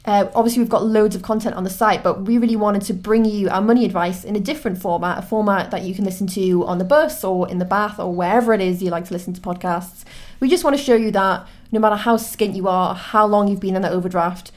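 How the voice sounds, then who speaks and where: A medium-pitched, fast-talking woman in her twenties co-hosts a podcast. Her accent is Newcastle Geordie, as she's from Newcastle, England, and her casual chat is upbeat and chatty with frequent fillers.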